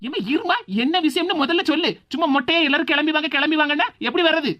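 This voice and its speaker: A woman's voice: high voice, highs cut off, close to an everyday voice. A woman voicing a sarcastic young daughter-in-law. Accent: Tirunelveli Tamil. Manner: quick, sarcastic retorts. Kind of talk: cartoon voice acting.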